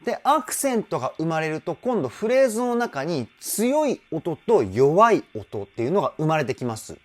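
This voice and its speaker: A man working as a vocal trainer, explaining singing technique in an enthusiastic, animated way. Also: a little high, normal speed. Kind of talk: reaction and vocal analysis commentary.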